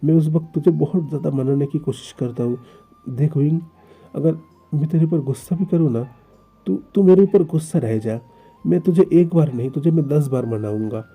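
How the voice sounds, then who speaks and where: A man's voice: on the high side, moderate pace, dark tone, husky, soft background music. A man voicing a possessive, jealous young man who pleads with his partner in a stammering, reproachful way. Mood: pleading.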